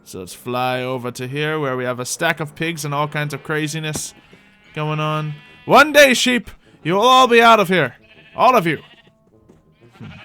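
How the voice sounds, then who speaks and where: A streamer rambles casually through live gameplay commentary, playfully talking to himself and to the animals in the game. His medium-pitched voice is bright and forceful.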